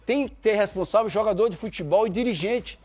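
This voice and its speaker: A man's voice: high-pitched, fairly quick, darkish tone, soft background music. A man on a sports panel, stubbornly repeating his point and tripping over words. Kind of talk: heated casual sports chat.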